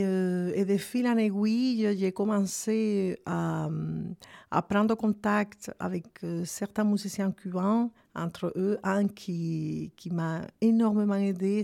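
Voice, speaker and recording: A woman from Cuba, a singer and actress giving a radio interview and speaking hesitantly with many filler pauses. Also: medium pitch, gravelly, mellow.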